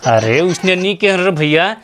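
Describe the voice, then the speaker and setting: A man's voice: sits high, lively intonation, normal speed. A man with a Chhattisgarhi accent, playing a fatherly, coaxing elder in a comedy sketch. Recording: music playing behind.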